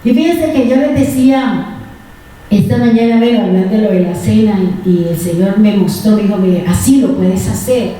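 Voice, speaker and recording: A woman's voice: mid-range voice, moderate pace, warm tone. A woman preaching a sermon, emotional and pleading, asking the congregation rhetorical questions. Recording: echoey church hall from far off.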